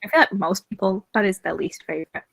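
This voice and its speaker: Stream host, woman, unhurried talk over a video call, dry close sound. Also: medium pitch, steady tone, creaky, fairly bright tone, slightly rough, no echo, poor audio. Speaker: host of a reading sprint stream. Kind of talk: casual group chat on a livestream.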